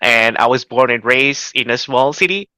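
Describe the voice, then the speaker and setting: A man presents a recorded lecture. His voice is bright and forward, recorded close and dry with no room sound. He talks casually and loosely, with frequent fillers. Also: mid-range voice, normal speed, clean tone, no room sound. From Indonesia. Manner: casual, with fillers like "okay" and "you know". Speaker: assistant professor, presenter.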